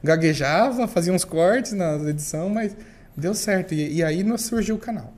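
A man's voice: high-pitched, expressive, normal speed, darkish tone. A man casually telling a story about how he started covering events as a reporter. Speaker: podcast guest, event reporter.

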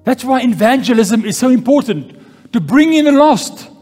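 At a moderate pace, a man preaches in a very high-pitched, expressive voice with a darkish tone. He reads scripture to the congregation, calling out "Amen?" and repeating key phrases. There's long church-hall reverb with faint music in the recording.

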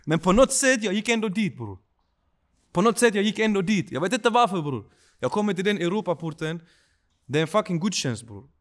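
A man telling a personal story in a casual podcast chat, slangy and animated, often checking that the listener follows. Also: sits high. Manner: slangy, animated, keeps asking if you follow. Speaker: podcast guest.

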